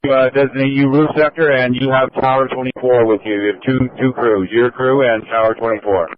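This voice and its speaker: A man's voice: mid-range voice, fairly even intonation, fairly quick, no echo. A man working as a fire incident commander on a two-way radio, giving procedural dispatch traffic and repeating reports back. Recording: muffled lo-fi fire radio transmission.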